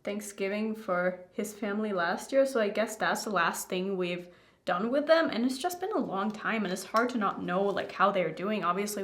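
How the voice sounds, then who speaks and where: A woman's voice: mid-range voice, fairly bright tone, a little hiss or hum. A young adult woman rambling candidly to her viewers in a casual makeup vlog. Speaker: beauty YouTuber. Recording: roomy indoor echo.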